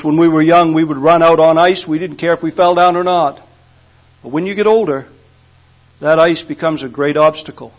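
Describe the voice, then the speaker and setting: An older man preaching a sermon in a folksy, humorous storytelling way. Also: fairly high pitch. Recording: dull lo-fi recording.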